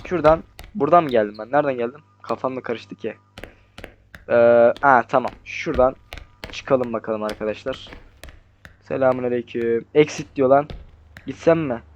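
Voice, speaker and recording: A young man commentating his horror game playthrough, talking nervously to the monster and swinging between hushed mutters and startled yells. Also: medium pitch, moderate pace, lo-fi sound, faint music behind. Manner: jumpy, talks to the monster, swings from hushed to yelling. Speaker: gaming YouTuber.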